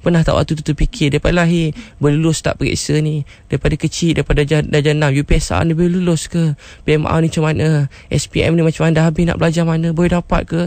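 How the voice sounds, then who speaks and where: A man's voice: a little high, little pitch movement, rapid-fire, hardly any pauses, a little mellow, dry recording. A man in his thirties with a Malaysian accent, giving an earnest motivational radio talk and acting out the people in his stories. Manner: earnest storytelling, acts out quotes. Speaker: preacher.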